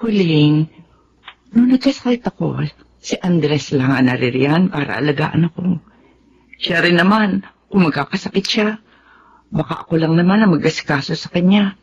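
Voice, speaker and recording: A woman's voice: low-pitched, expressive, normal speed, pauses often, slightly rough, muffled recording, exaggerated voice. An actress in a Tagalog radio drama playing Remedios, a practical, earnest middle-aged woman who reasons matter-of-factly. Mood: earnest, reasoning.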